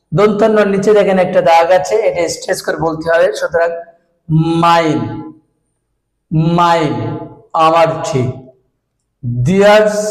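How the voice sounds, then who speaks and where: A male English tutor speaking in a high, light voice. He moves at an unhurried crawl, repeating each word several times for his viewers, whom he calls friends. His voice rings a little in an echoey room. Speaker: English teacher. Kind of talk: slow pronunciation lesson.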